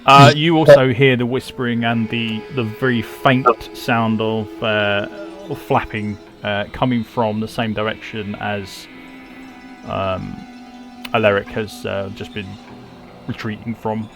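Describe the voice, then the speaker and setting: A man's voice: fairly low pitch, steady tone, unhurried. A man running a tabletop game as game master, narrating in a hesitant way as if thinking aloud. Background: music.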